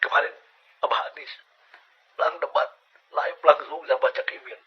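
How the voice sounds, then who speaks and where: A man's voice: fairly high pitch, level tone, moderate pace, slightly rough, muffled recording. A young man in a casual vlog, laughing and sobbing at once as he talks.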